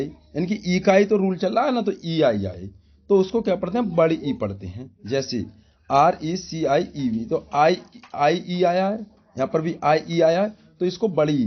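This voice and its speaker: Guy teaching pronunciation rules, voice on the high side, bouncy, keeps asking himself questions, kinda dull lo-fi sound. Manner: drills with repeated rhetorical questions; addresses listeners as brother. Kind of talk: classroom-style spoken lesson.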